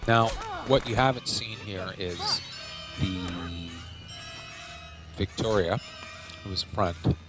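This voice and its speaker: A man's voice: deep voice, slow pace, long pauses, over music. A man hosting a gaming channel, giving dry, wry game commentary and keeping his voice down at night so as not to wake anyone. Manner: hushed, keeping quiet at night so a sleeper is not woken. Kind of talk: recorded game commentary over match highlights.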